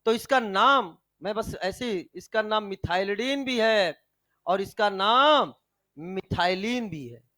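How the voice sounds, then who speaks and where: Male chemistry teacher, very high voice, dry close sound, keeps quizzing the class. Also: lively intonation, takes it slowly, pushed and bright, dry recording. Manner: quizzing students with repeated questions; calls students "beta". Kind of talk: classroom lecture.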